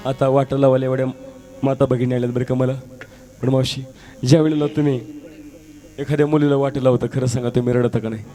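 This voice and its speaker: A man's voice: medium pitch, level tone, fast talker, pauses often, warm tone, soft background music, natural voice. A man performing a cheeky newly married village bride in folk devotional theatre, reciting rhyming verses in a teasing sing-song manner.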